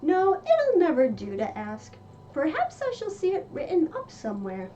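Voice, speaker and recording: A chatty, curious little girl from a storybook, played by a woman, dreamily musing to herself. The voice is high and lilting with a soft tone. Music plays behind it. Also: wildly swooping pitch, moderate pace, lo-fi sound, slight background noise, heavily acted. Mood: self-doubting.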